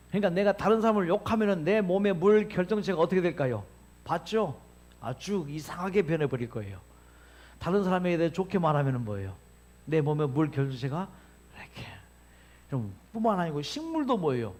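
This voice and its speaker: A man giving a health lecture, asking his listeners questions and answering them himself. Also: high-pitched. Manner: animated, asks the audience questions and answers himself.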